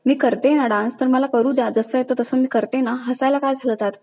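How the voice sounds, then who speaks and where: A woman's voice: high voice, fairly even intonation, a little fast, warm tone, slight background noise. Brief: female reader doing a fussy, bossy grandmother, read plainly.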